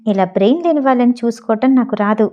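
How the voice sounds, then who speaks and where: A woman's voice: on the high side, fast talker, dull audio, close to an everyday voice. A woman voicing a stubborn young nurse who speaks curtly and with irritation. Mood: irritated. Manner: curt, irritated.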